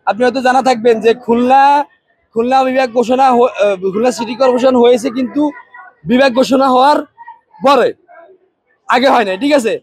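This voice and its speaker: A man's voice: extremely high pitch, fairly even intonation, fairly quick, long pauses, breathy edge, no room sound. A man from Noakhali speaking with a Noakhali Bengali accent in a street interview, arguing hard, repeating himself and checking that listeners follow. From Noakhali, Bangladesh.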